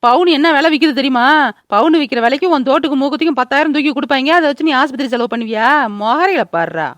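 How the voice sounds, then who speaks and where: A woman's voice: sits high, lively intonation, fast, no room sound. A woman voicing a cartoon character, brash and teasing. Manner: brash, teasing, reassuring banter. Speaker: cartoon voice-over.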